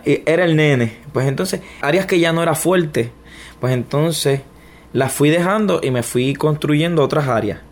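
A man with a Puerto Rican accent, a guest giving his personal testimony in an interview, speaking reflectively with many restarts and fillers. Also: medium pitch. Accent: Puerto Rican Spanish. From Puerto Rico.

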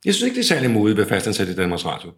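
A man's voice: lowish voice, wildly swooping pitch. A man coaching a client, talking bluntly and pushing back on her. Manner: blunt, challenging. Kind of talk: coaching conversation. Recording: roomy echo.

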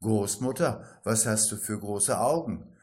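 A man's voice: lowish voice, animated, unhurried, darkish tone. Brief: a man voicing a naive little fairy-tale girl, wondering.

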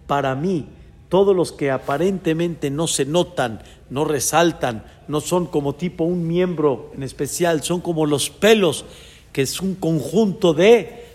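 Mexican rabbi teaching, kinda high husky voice, lots of echo in a big hall. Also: male voice. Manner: lively, acts out people's thoughts, chuckles often. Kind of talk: Torah lesson on a biblical book. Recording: long hall reverb.

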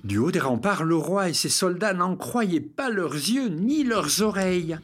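A storyteller reading a children's fairy tale aloud in an expressive, scripted narration. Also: mid-range voice, a little slow. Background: music.

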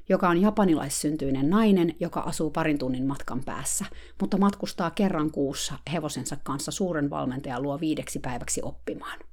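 A woman reads her diary entry aloud, telling it in a dry, wry way. Her voice sits low. It has a gravelly creak to it. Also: dark tone. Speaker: blogger narrating a diary. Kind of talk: read diary narration.

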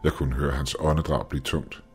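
Very deep-voiced man telling a horror story. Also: little pitch movement, faint music behind. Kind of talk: scripted horror story narration.

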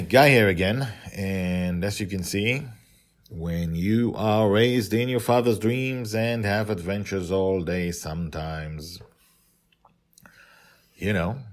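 With a low voice, a man serves as host and narrator of a serialized tale, telling it like an author reading his own work. His delivery is animated and slow.

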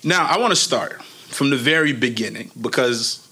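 A man's voice: medium pitch, animated, normal speed, sharp tone, a little hiss or hum. A man from Niger hosting a podcast in an informal, slangy way, chatting with rambling asides. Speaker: podcast host. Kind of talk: casual chat.

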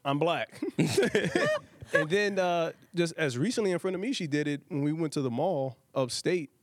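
A man co-hosting a podcast who tells a family anecdote in an animated way and laughs through his lines. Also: fairly high pitch, normal speed, slight background noise. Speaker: podcast co-host. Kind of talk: casual chat, storytelling.

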